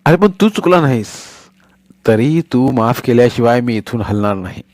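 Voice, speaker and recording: A man voicing a proud, quick-tempered village boy in a storybook reading, fiery and insistent. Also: medium pitch, expressive, a little mellow, no room sound, close to an everyday voice. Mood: remorseful.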